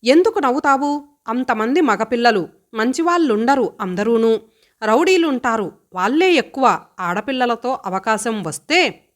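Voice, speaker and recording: A woman's voice: sits high, moderate pace, lightly acted. Woman narrator as strict worried older brother, curt and forbidding. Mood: stern. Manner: stern, forbidding, short commands. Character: anxious protective older brother, young man.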